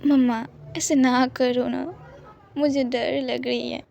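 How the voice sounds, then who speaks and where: A woman's voice: high voice, little pitch movement, slow pace, creaky, lo-fi sound, a little hiss or hum, exaggerated voice. A woman voicing a timid young woman who stammers and cries easily, in a storybook romance. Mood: tearful. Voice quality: soft, trembling, stammering.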